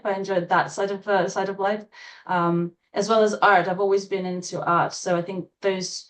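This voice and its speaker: A woman from Latvia, a guest in an interview, speaking in a thoughtful, hesitant way with many fillers and soft laughs. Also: on the low side. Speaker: interview guest, trauma-informed coach. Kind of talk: casual interview chat.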